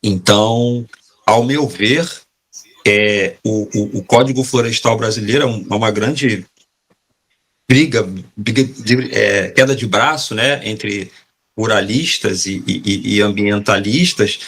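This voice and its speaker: A man's voice: lowish voice, measured pace, fairly bright tone, husky. A man with a Brazilian accent, a professor explaining on a video call, often hesitating and repeating words as he searches for them. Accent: Brazilian Portuguese. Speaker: professor giving a talk as panelist. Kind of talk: explanatory talk in a live web panel.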